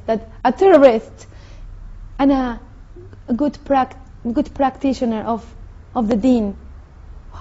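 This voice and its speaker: A woman with a Mexican Spanish accent, earnestly telling her personal testimony in halting speech with many restarts. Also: a little high, warm tone, highs cut off. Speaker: convert sharing her testimony.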